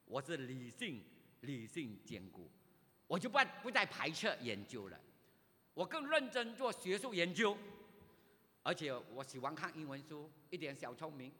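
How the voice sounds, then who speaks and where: Older man, pastor, sermon testimony, swooping lively pitch, bright, reverberant church. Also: moderate pace. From Malaysia. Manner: animated storytelling with sudden loud rises. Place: church sanctuary.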